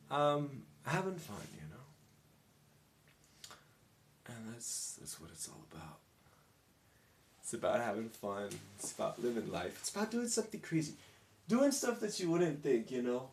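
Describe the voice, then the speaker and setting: A man in his twenties, a live streamer, chatting casually and rambling to his viewers in an upbeat way, often dropping to a soft near-whisper. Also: fairly high pitch. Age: 20s.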